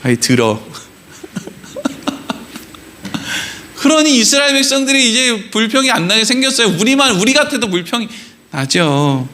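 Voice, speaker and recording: A man pastor preaching a sermon in a church, animated and joking with the congregation, acting out quoted voices. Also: extremely high pitch, fairly quick, a little hiss or hum. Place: church sanctuary.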